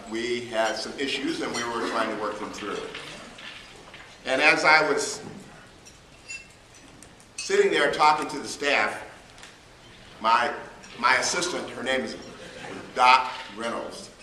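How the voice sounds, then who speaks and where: A middle-aged man, a former police chief, telling stories from his career in a measured, anecdotal way to a club audience. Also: mid-range voice, sharp tone, a little hiss or hum. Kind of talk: storytelling talk to a club audience. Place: hall at a club luncheon. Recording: roomy hall, mic at a distance.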